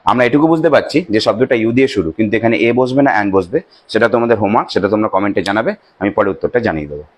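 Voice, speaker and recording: A man's voice: on the low side, racing. A man with a Bengali accent explaining English grammar to students, asking questions and answering them himself and repeating key phrases.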